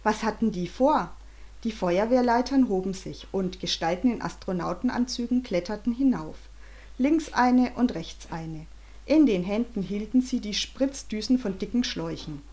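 A woman narrating a children's story aloud, with an animated, dramatic reading. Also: medium pitch, moderate pace. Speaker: audiobook reader.

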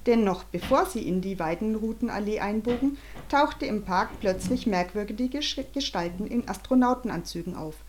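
Woman, children's audiobook narration, animated, dramatic, expressive. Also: medium pitch, slight background noise. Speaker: audiobook reader.

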